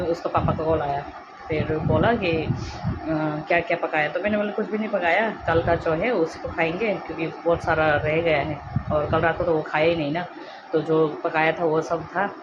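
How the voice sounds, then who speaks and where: A young woman, a stay-at-home mom, chatting casually to camera about her chores while moving around her home, mixing in English phrases. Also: fairly low pitch. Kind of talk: casual vlog narration. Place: home, moving between rooms. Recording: dull lo-fi phone audio with clear household noise.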